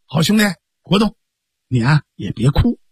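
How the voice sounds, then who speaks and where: A man's voice: fairly high pitch, very animated, breathy edge, no room sound, voice pushed down, full character voice. A man voicing a righteous young man who scolds and coaxes his foolish sworn brother firmly. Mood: coaxing. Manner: scolding, firm, measured.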